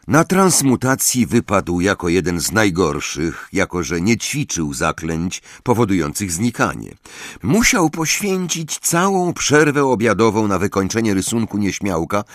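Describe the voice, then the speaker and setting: A man reading an audiobook as narrator, expressive storytelling close to the mic. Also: fairly low pitch, measured pace, dry recording. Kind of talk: scripted narration.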